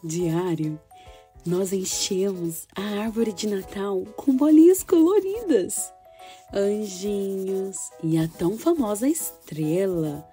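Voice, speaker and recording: A woman voicing an excited, sentimental little girl who confides in her diary, in a children's story. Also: medium pitch, slow, faint music behind. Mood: wistful, confiding. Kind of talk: first-person children's story reading.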